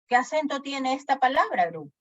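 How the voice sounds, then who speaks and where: A woman's voice: high voice, moderate pace, no echo. A woman teacher giving a lecture who keeps asking her class questions. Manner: animated, asks the class questions often. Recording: dry, dull lo-fi sound.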